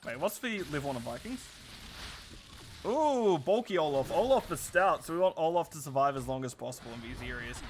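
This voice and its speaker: A man casting a live esports match, excitable and chatty, with quick laughs between his play-by-play calls. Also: a little high, slight background noise. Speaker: esports caster.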